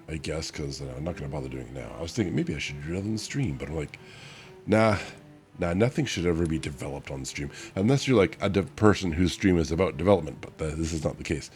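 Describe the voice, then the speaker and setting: A man's voice: a bass voice, darkish tone. A young man chatting casually on his stream, tired and hiccuping, rambling and correcting himself as he goes.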